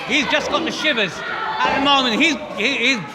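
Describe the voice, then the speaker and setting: Man, live wrestling commentary, excitable, very high pitch, shouting, repeated phrases, loud crowd behind. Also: moderate pace, heavy background noise. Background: loud crowd and music.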